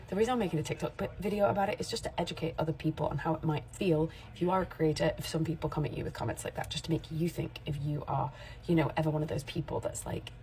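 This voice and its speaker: A woman's voice: low voice, creaky, warm tone. A woman in her forties, a makeup artist, talking candidly and rambling a little in a casual vlog straight to camera. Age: 40s. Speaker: makeup artist and content creator.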